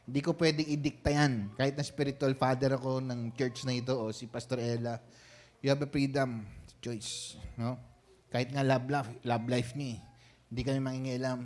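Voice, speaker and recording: A man with a Filipino accent preaches like he is chatting with his church. He often turns to the people with quick check-in questions. His voice sits at a middle pitch for a man. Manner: conversational preaching, frequent tag questions. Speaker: senior pastor. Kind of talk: sermon.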